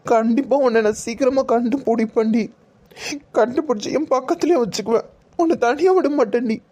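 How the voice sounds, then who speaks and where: A woman's voice: a little high, a little fast, warm tone, close to an everyday voice. A woman voicing a frantic, heartbroken young husband who pleads emotionally for his missing wife. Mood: pleading.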